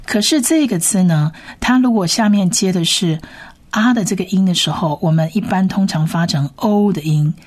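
A woman teaching how to read Hebrew words, spelling out each sound and repeating it slowly. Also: fairly low pitch, a little mellow. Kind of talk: slow reading lesson.

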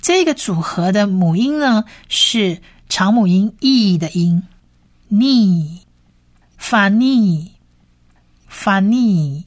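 Female teacher, unhurried delivery, patient, drills each sound by repetition. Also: medium pitch, animated. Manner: patient, repeats each sound slowly several times. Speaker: Hebrew language teacher. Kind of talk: slow spoken lesson.

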